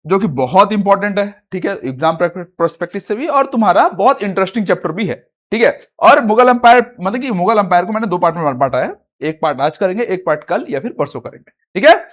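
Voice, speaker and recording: A young man teaching history for exam prep, his voice pitched high and swinging up and down all the time. He talks in a chatty way, keeps asking his own questions and answering them, and checks in with "theek hai" again and again. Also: expressive, fast talker, hardly any pauses, fairly bright tone. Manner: chatty, repeats "ठीक है" often, asks and answers own questions.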